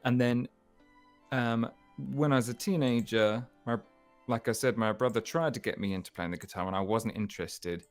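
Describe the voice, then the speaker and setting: A man, a musician guest, speaking in a soft, reflective way with frequent restarts. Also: medium pitch, moderate pace, faint music behind. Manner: soft-spoken, reflective, stammers and restarts often. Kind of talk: relaxed interview chat.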